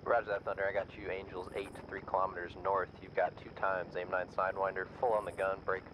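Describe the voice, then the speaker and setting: A man's voice: low voice, little pitch movement, fast talker. A man speaking clipped, procedural military radio traffic as a ground operator over a crackly radio in a military simulation game. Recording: noisy crackly radio channel.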